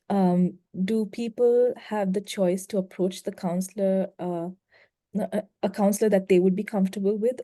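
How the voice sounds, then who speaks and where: A woman's voice: fairly low pitch, mellow. A woman asking a church counseling question in a hesitant way, with many fillers. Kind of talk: discussion on a video call.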